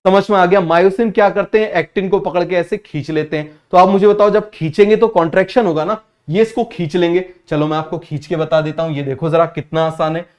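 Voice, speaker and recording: A young man teaching biology, constantly asking students whether it is clear and having them repeat terms. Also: sits high, fairly even intonation, brisk, hardly any pauses, darkish tone. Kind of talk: online exam-prep class.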